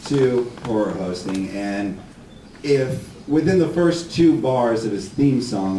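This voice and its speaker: Male horror host, medium-pitched, theatrical and emphatic on stage, recorded at a distance in a reverberant room. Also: dark tone. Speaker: horror host giving an induction. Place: large room at a live event. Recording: echoey hall, distant mic, faint noise.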